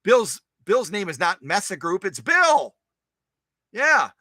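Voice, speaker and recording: A man's voice: high voice, very animated, a little slow, bright, forceful tone, no room sound. A man hosting a casual livestream, playfully reading out and answering viewer comments, often repeating himself. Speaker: host of a sewing machine restoration channel.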